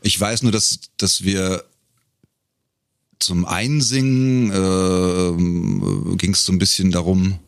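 Close-miked in a dry room, this studio-quality recording features a middle-aged podcast guest who works as a professional voice-over speaker and singer. His low, creaky voice moves slowly with lively intonation as he tells anecdotes casually and with humor.

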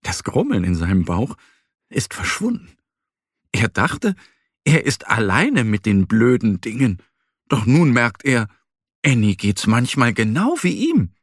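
A man gently and expressively reading a children's story aloud. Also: medium pitch, big pitch swings, unhurried, dry recording, clean studio sound. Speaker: narrator.

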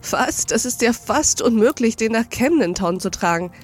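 A woman voicing a gleefully reformed elderly male miser with an excited, chuckling delivery in an audiobook reading. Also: a little high, moderate pace, slightly rough, faint music behind.

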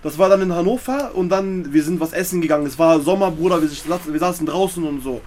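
Man, high voice, casual storyteller, slangy, emphatic repeats, often addressing listener. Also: quick pace, a little mellow, a little hiss or hum. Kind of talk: casual storytelling among friends.

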